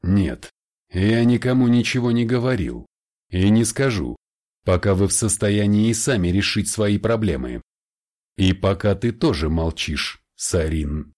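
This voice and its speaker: A man voicing a dry, reserved male mage detective in an audiobook, close to his own low voice. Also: animated, measured pace, a little mellow. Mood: dry restrained. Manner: dry, restrained.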